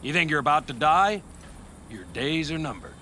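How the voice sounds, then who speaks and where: Game role: older nomad man, folksy and philosophical, forceful bright tone, vehicle ambience behind. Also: fairly high pitch, expressive, normal speed, slight background noise. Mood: wry, urging. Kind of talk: video game dialogue.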